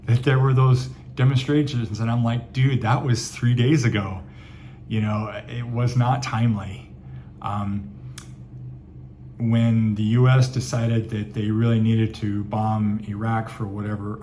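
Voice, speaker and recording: A man's voice: fairly low pitch, mellow, slight background noise. A man giving candid, chatty travel advice, answering viewer questions with frequent fillers and sarcastic asides. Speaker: travel vlogger. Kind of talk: casual Q&A monologue.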